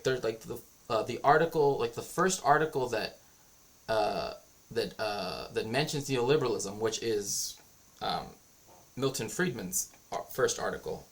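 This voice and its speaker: A man's voice: fairly low pitch, expressive, measured pace, pauses often. A man streaming as a cultural historian, explaining his views in a casual, rambling monologue.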